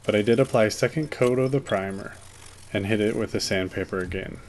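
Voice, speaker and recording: A man's voice: on the low side, fairly quick, darkish tone, a little hiss or hum. A man giving a casual, matter-of-fact voice-over for a how-to video, explaining each step plainly. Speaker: maker narrating a how-to video. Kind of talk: casual scripted tutorial voice-over.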